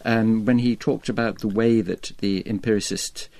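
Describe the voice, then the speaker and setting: Low-voiced man, dry close sound. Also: fairly even intonation, gravelly, a little mellow, no echo. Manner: eager, halting, many restarts. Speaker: panel guest. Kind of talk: academic panel discussion.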